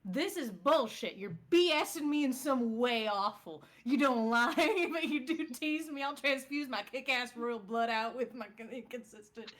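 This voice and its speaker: A woman voicing a cocky teenage troll in a slow Southern drawl. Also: fairly high pitch, fairly bright tone, lightly acted.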